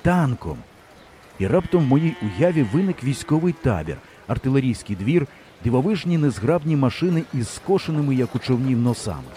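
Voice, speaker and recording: Expressive man reading a story. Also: medium pitch, brisk, a little hiss or hum. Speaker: audiobook narrator. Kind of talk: scripted narration.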